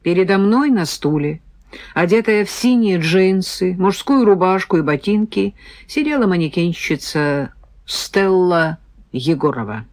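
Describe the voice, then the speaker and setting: A woman narrating a detective audiobook in an expressive, animated manner. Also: lowish voice, unhurried, no echo. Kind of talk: scripted narration.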